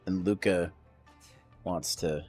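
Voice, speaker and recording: A man's voice: sits low, steady tone, slow, a little mellow, breathy edge, soft background music. A man streaming a video game, giving casual, informal live commentary with some mild swearing.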